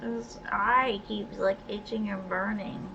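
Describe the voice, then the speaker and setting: Woman, gaming host, casual muttered commentary, slow talk, steady background hiss. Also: medium pitch, gravelly. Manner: muttering, reads card text aloud, grumbles at the game. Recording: dull lo-fi sound with steady noise.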